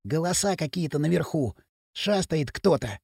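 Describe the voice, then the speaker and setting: Кастинг: мужчина в роли дерзкого пацана-подростка, подначивает, сухая запись. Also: male voice, fairly high pitch, lively intonation, moderate pace, creaky, darkish tone, husky, no echo, studio quality, exaggerated voice. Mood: cheeky. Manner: mouthy, teasing. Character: cheeky teenage boy from the outskirts.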